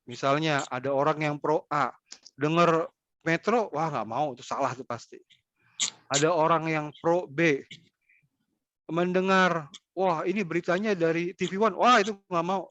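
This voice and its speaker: A man giving an online lecture in a conversational way, acting out quick examples of what people might say. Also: a little high, a bit bright, dry recording, dull audio.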